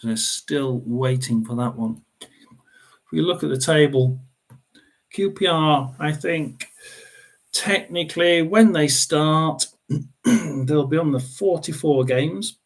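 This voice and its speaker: A middle-aged man hosts a football watchalong in a loose, casual way. He rambles along with plenty of fillers and keeps clearing his throat between thoughts. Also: fairly high pitch, slow pace, pauses often. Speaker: watchalong host. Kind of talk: casual live football commentary.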